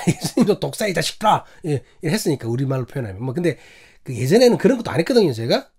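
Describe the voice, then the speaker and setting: A male pastor with a Gyeongsang Korean accent tells a personal story during a sermon, acting out quotes and putting questions to the congregation. His voice is on the high side, slightly rough, and he speaks at a racing pace.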